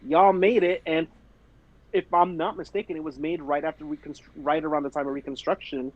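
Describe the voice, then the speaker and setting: A man's voice: on the high side, steady tone, a little fast, no echo, lo-fi sound. A man on a political podcast panel who talks emphatically and laughs as he goes. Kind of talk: casual political podcast chat.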